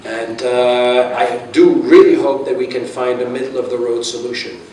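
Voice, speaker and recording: A man's voice: medium pitch, fairly even intonation, normal speed, a little mellow. A man gives a conference talk in a chatty, self-deprecating way, often restarting his sentences. He sounds distant, and his voice echoes around a large hall. A faint hum of room sound runs under him. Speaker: conference speaker.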